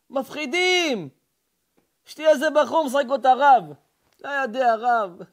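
A man, a rabbi, giving a fiery sermon to an audience, shouting warnings and acting out dialogues. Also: very high voice. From Israel.

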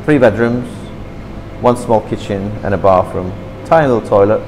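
A man in his fifties from Turkey sits at an indoor café table, chatting with animation about his childhood in slightly broken English and talking with his hands. His voice is fairly low and at a normal speed. A camera across the table picks him up against a noisy background, with the sound of a large hall.

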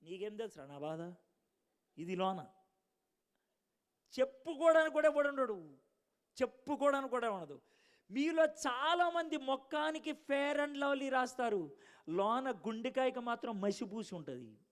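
A man preaching a sermon to a congregation, telling stories and swinging from loud bursts to hushed asides. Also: extremely high pitch, animated, measured pace, pauses often, clear, resonant tone.

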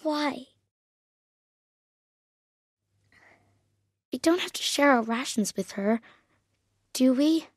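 Young Aloy, high-pitched curious little girl. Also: measured pace, slightly rough, no echo, studio quality. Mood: childlike, earnest. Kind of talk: video game voice lines.

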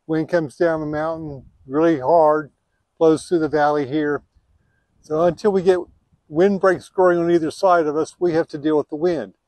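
A middle-aged man presents an outdoor vlog in a plain-spoken, conversational way. His voice sits a little high for a man. The lapel mic gives a dry sound with no room echo. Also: fairly even intonation, moderate pace, darkish tone. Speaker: homestead video host. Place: open windy valley field outdoors.

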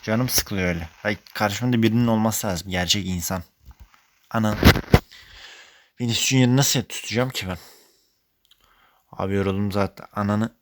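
A young man commentating his own football video game match, exasperated and swearing, with loud frustrated outbursts. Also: fairly low pitch, normal speed, long pauses, heavy background noise. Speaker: gaming YouTuber. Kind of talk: live gameplay commentary.

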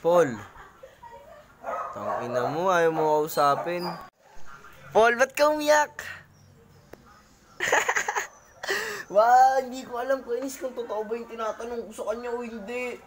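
A woman's voice: a little high, lively intonation, moderate pace, pauses often, slight background noise. A woman vlogging casually among friends, teasing and badgering with repeated questions and crude swearing. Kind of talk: casual group vlog banter.

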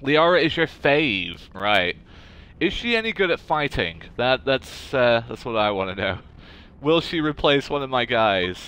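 A man with a bright, clear, mid-pitched voice doing casual live game commentary. He rambles playfully and teases as he answers his chat. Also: big pitch swings, unhurried. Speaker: game streamer.

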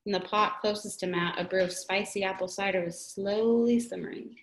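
A woman's voice: medium pitch, fairly even intonation, moderate pace, roomy sound. A woman teacher reading a children's novel aloud, with small slips and restarts. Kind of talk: read-aloud storytelling.

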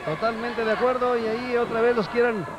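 High-voiced male wrestling commentator. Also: steady tone, brisk. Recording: noisy TV broadcast, loud arena crowd. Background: loud crowd and arena noise.

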